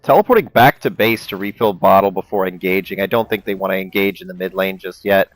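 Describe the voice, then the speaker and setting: Excitable man calling a game, close dry sound. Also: low voice, fast talker, no echo, low-quality recording. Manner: excitable, voice climbing as action builds. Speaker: esports commentator. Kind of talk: live play-by-play game commentary.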